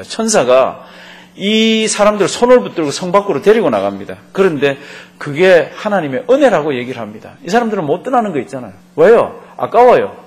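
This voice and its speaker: Middle-aged pastor guy teaching bible class, husky voice, bit high, swoops around a lot. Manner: lively storytelling, asks the audience questions. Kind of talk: Bible lecture to a congregation.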